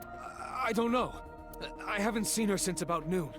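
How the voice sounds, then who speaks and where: An actor playing a grave, careful male colleague in a video game, speaking in a serious, measured and hesitant way. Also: high-pitched, music in the background, natural voice. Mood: flustered.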